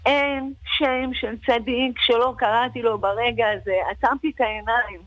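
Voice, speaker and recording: A woman's voice: on the high side, fairly even intonation, fairly bright tone, dry recording. A woman guest on a radio show, recounting a personal experience with feeling and repeating words for emphasis. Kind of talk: emotional personal testimony. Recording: dull dry radio recording.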